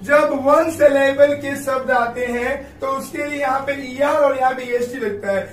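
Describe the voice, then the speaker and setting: A man's voice: extremely high pitch, steady tone, a little slow. A male grammar teacher, giving a classroom-style lesson, repeatedly calling his students kids and answering his own questions. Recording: echoey room, voice far from mic, faint background noise.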